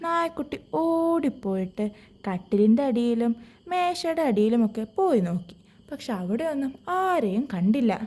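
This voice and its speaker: A woman narrating a bedtime story for children, expressive and addressing them directly. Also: a little high, moderate pace.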